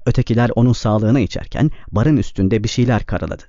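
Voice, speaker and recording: A man reading a novel aloud as narrator, with a steady, measured delivery, in a slightly dull, dry recording. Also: mid-range voice, no room sound. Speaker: audiobook narrator. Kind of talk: scripted narration.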